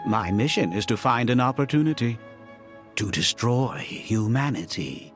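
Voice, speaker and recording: A man's voice: medium pitch, expressive, measured pace, close to an everyday voice. A man putting on a stiff robot voice. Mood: mock menacing. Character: prankster posing as an evil robot. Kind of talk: video game voice acting. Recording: game dialogue with music behind. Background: game music.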